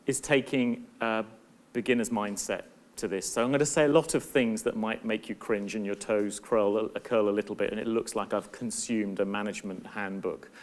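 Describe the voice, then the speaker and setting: A middle-aged university professor gives a conference talk in a somewhat low voice. He is earnest and thoughtful, frequently restarting sentences and repeating words.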